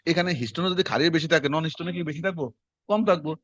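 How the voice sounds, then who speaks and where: A man, teaching a class in quick, conversational lecture style and quizzing his students as he goes. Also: on the high side, a bit bright, no echo. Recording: dull lo-fi classroom recording.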